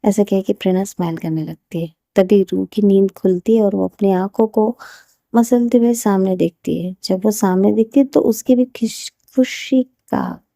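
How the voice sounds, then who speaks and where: A woman tells a romantic story in a slow, expressive manner. Her voice is deep-toned, warm and gravelly. The sound is dry with no room echo. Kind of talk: scripted story narration.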